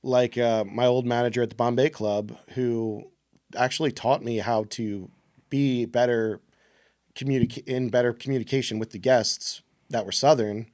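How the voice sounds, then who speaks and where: A man with a Northern US accent, a spirits specialist chatting casually as a podcast guest, relaxed and rambling, laughing often. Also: medium pitch, normal speed, dry recording, studio quality.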